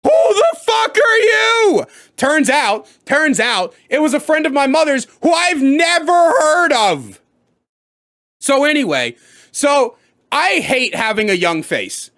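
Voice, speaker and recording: Man, 30s, comedic storyteller, lively pitch, crude, loud bursts. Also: slow pace. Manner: animated, swings to loud outbursts. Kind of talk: profane comedic storytime rant.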